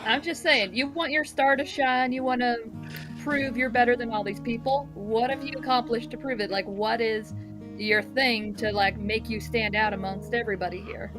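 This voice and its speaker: A woman's voice: on the high side, steady tone, moderate pace, music in the background. A woman playing a tabletop game, blunt and teasing, swearing freely in character.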